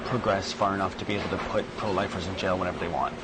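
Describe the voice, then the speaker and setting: A man's voice: low-pitched, steady tone, very fast. Man asking questions, noisy hidden mic. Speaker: undercover interviewer. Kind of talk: casual probing questions. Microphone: concealed body mic. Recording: hidden mic, loud outdoor street noise.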